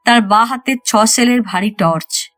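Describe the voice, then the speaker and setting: A woman reads a short story aloud in a lively, expressive way, with her voice sitting a little high. The sound is close and dry, with soft music playing behind her. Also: a little slow, no echo. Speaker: narrator. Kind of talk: audiobook story reading.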